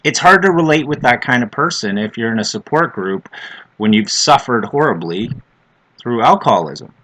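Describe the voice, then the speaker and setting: A middle-aged man with a smoker's rasp giving an opinionated, off-the-cuff monologue, blunt and emphatic, repeating phrases to drive them home. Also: mid-range voice, animated, normal speed, fairly bright tone. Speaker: vlogger on adoptee issues.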